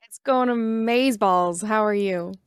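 A woman's voice: medium pitch, measured pace, clean tone, dry recording, studio quality. A woman in her thirties from Newfoundland, chatting casually and enthusiastically as a guest on a gaming podcast. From Newfoundland and Labrador, Canada. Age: 30s. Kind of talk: casual chat.

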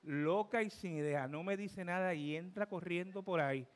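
A man in his fifties with a Puerto Rican accent, a pastor telling a testimony in a sermon, animated, swinging from loud to hushed. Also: sits high, normal speed. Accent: Puerto Rican Spanish. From Puerto Rico. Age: 50s.

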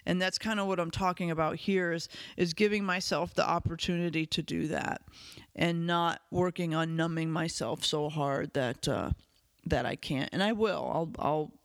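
A man's voice: on the high side, vocal fry, a bit bright, no echo. A man hosting a podcast, talking candidly through a reflective self-help monologue, casual and conversational with fillers and the odd swear word. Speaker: podcast host.

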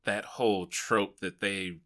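A man co-hosting a podcast, talking casually about cartoons in a halting way, full of restarts. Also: sits low, steady tone, sharp tone. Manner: halting, many fillers and restarts. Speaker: podcast co-host. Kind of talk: casual film discussion.

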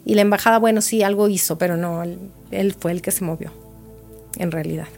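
A woman's voice: fairly low pitch, fairly quick, vocal fry, darkish tone, soft background music. Reflective woman telling her story. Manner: reflective, repeats words for emphasis. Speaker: guest. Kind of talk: personal storytelling in a podcast interview.

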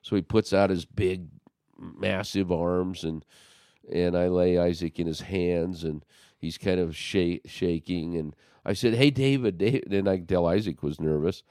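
A man's voice: sits low, measured pace, smooth, dry recording, clean studio sound. A man hosting a conversation, telling a personal story with animation and acting out what people said. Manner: animated storyteller, acts out quotes.

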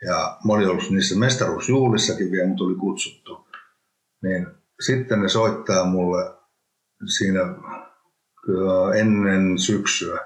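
A man's voice: low-pitched, steady tone. A man, a former hockey player, talking casually in an interview with many restarts. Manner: rambling, halting, with many restarts. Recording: roomy echo.

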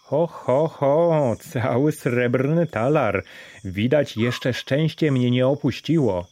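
A man's voice: mid-range voice, slow pace, darkish tone, no room sound. A man voicing a poor, hungry widowed beggar who is eager and hopeful. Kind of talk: audiobook fairy tale reading.

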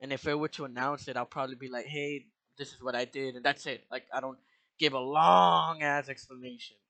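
Brisk and creaky at a medium pitch, this twentysomething male podcast host keeps the chat casual and lively, peppering it with profanity and frequent laughter. There's no echo on the recording.

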